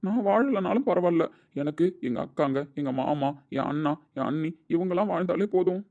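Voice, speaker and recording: A man's voice: sits high, animated, fairly quick, darkish tone. A man playing the quarrelling men of a family in a skit, from a mock-innocent young husband to his scolding older brothers-in-law. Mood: bickering. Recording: dull lo-fi recording.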